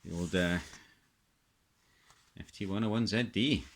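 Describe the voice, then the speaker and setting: A hobbyist presenter, middle-aged and low-voiced, shows off items one at a time in loose, unscripted commentary, with slight background noise behind him. His speech is halting and musing, and he keeps repeating phrases.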